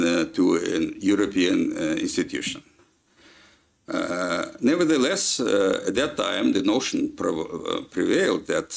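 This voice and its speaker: A man from Kazakhstan with a Kazakh accent, giving a formal lecture in a halting way with many filler sounds. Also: sits low, gravelly. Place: lecture hall.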